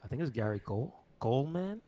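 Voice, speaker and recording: A man co-hosting a podcast in casual chat, easygoing and hesitant with drawn-out phrases. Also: medium pitch, expressive, warm tone. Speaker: podcast co-host. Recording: dull lo-fi podcast audio.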